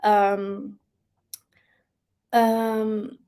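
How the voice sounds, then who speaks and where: An expressive woman hosts a casual talk, reading viewer comments aloud and answering them. Her voice sits at an ordinary middle pitch. She laughs often and moves between quiet, soft remarks and bursts of excitement. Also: extremely slow. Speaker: host.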